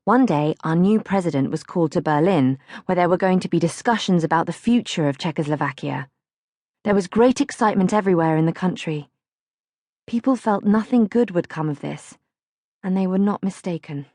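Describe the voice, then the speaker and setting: This audiobook narration of a childhood diary comes from a woman whose voice is fairly low and whose pace is fairly quick. She reads from a script with expression, acting out questions, and the studio-quality audio has no echo.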